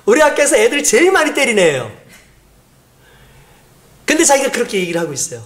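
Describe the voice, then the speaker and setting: A man's voice: extremely high pitch, fast. A pastor preaching a sermon in a conversational way, asking the congregation questions and acting out the voices of people in his stories. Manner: animated, acts out quoted voices.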